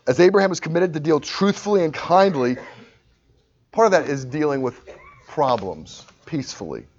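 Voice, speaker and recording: A man delivering a sermon in an easygoing, conversational manner, stumbling into restarts and acting out quick imagined dialogue. His voice sits a touch high for a man. The recording is dull and lo-fi. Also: lively intonation, darkish tone. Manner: conversational, self-deprecating, with frequent restarts and acted-out quotes. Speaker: pastor.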